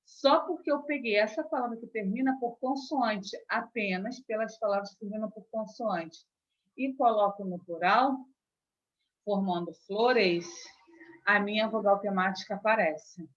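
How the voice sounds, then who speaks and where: A woman's voice: medium pitch, a little slow, a bit bright. Brazilian woman teaching grammar, lo-fi. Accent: Brazilian Portuguese. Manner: explains step by step with frequent check-ins. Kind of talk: grammar lesson. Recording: dull lo-fi recording.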